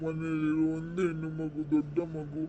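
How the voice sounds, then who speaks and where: A middle-pitched cartoon village father, voiced by a performer with a lilt. He frets over his daughter with endless endearments and soft, emotional pleading. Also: expressive, normal speed, lo-fi sound, slight background noise, lightly acted. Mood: tender. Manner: emotional, repeating "son/child" endearments. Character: loving, tearful village father.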